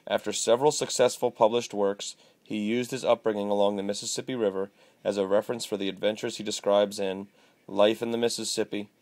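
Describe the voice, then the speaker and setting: Folksy 1890s country fellow played by a man, lowish voice, rambling homespun talk, class-project monologue. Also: darkish tone, close to an everyday voice. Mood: lecturing. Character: folksy 1890s small-town Missouri man, time-displaced. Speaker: student presenter in character.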